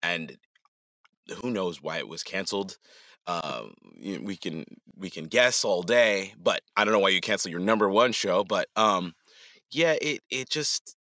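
Casting note: low-voiced man, crisp bright tone, dry close sound, easygoing guest who rambles with restarts. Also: measured pace, no echo. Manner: relaxed, rambling, many restarts and fillers. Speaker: voice actor guest. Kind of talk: casual interview chat.

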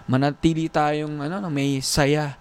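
A man's voice: on the high side, flat delivery, measured pace, slight background noise. Upbeat joking male podcast host. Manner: upbeat, joking, laughs often. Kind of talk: casual podcast chat.

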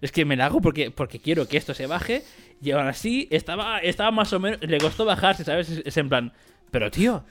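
A man's voice: a little high, lively intonation, fairly quick, fairly bright tone, slight background noise. A man co-hosting a casual podcast chat, telling a story with lots of fillers and slang. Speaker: podcast co-host.

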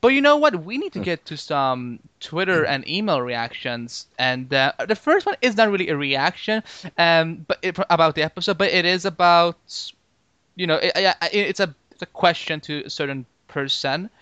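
A man with a high, bright, very lively voice co-hosts a podcast, animated and jokey and quick to laugh. His voice is smooth and crisp, recorded close and dry. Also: dry recording, dull audio. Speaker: podcast co-host. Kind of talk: casual chat.

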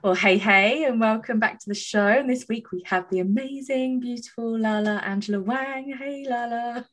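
A woman's voice: a little high, normal speed, fairly bright tone. A woman hosting a podcast interview, enthusiastic and encouraging, laughing often. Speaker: podcast host. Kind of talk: casual interview chat.

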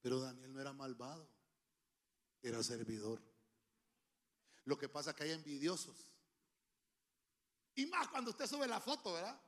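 A man preaches in a church through a handheld mic. His voice sits high and bright, and it swings widely in pitch. He is dramatic and joking by turns, and breaks into shouts for emphasis. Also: animated, moderate pace, long pauses. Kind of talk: sermon. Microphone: handheld microphone.

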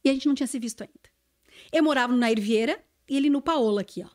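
Her high voice races along very fast as she, a TV journalist, spins a story during a casual podcast chat. She's an animated storyteller who acts out every quoted exchange.

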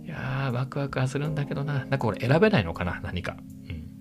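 A man vlogging at home about his new camera lens, rambling casually and sometimes dropping to a hushed voice. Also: lively intonation, fast talker, over music. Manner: rambling, chatty, sometimes drops to a hushed low voice. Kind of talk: casual chat. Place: at home with family in next room.

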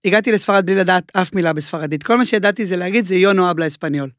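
A man's voice: high voice, dry recording, studio quality. Chatty man telling kitchen stories. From Israel. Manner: animated storyteller, heavy filler words. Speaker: chef guest. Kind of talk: casual storytelling interview.

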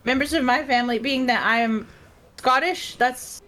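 An American woman co-hosting a podcast in casual chat, chatty and quick to laugh. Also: high-pitched, bright, forceful tone. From United States. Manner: giggly and chatty, laughs often. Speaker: podcast co-host.

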